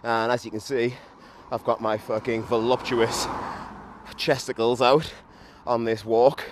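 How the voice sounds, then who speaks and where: This podcaster is a hungover man, still a bit drunk after a run, walking along a street and talking casually to a handheld camera and mic. His mid-range voice stays level and a little slow, and he's sweary, blunt and self-mocking. Traffic makes the outdoor recording noisy.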